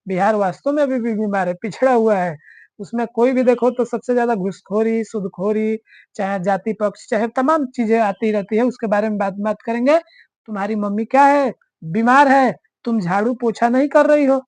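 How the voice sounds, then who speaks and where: Higher-voiced woman teacher quizzing the class. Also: moderate pace, darkish tone, dry recording. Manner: asks the class questions and answers them herself; drills answers by repeating them. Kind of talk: teaching map mnemonics.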